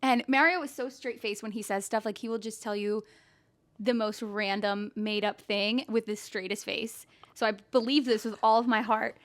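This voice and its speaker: A young woman with a high voice co-hosts a casual podcast chat. She tells stories animatedly, laughing often and slipping into impressions of the people she talks about. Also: normal speed. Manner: animated storyteller, laughs often, mimics others. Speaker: podcast co-host.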